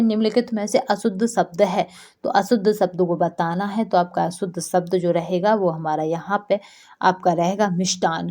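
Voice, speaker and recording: Female teacher, warm mellow tone, walks through answers by asking and answering her own questions. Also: lowish voice. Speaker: Hindi teacher. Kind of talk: exam-prep lesson.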